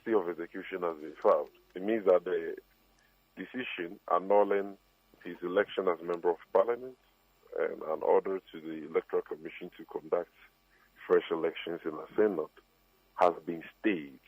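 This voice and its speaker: A deep-voiced man speaks slowly and emphatically, pausing between phrases. His voice arrives through a fuzzy, distorted phone line that sounds thin and tinny. The sound is dry, with no room around it. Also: steady tone, no echo. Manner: measured, emphatic denial with pauses. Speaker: party communications officer.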